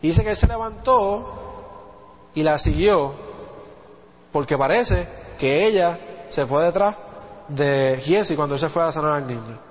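A man preaches a sermon, telling a Bible story and checking in with his listeners as he goes. His voice sits high, and long reverb from a large hall trails each phrase. The audio is dull and muffled. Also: expressive, unhurried, pauses often. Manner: conversational Bible teaching, asks the congregation "¿viste?".

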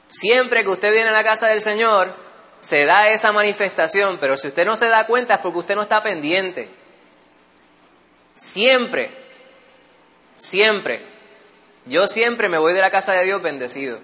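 A man's voice: on the high side, bright, forceful tone, lo-fi sound. A Puerto Rican man leading a Bible study in a conversational teaching style, often checking in with his listeners. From Puerto Rico. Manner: keeps asking listeners for assent.

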